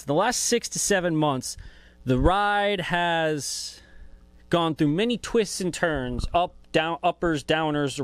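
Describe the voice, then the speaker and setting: In a slightly high, smooth voice, a man in his twenties hosts a podcast, delivering a rambling, profane, laid-back monologue. The recording is dry.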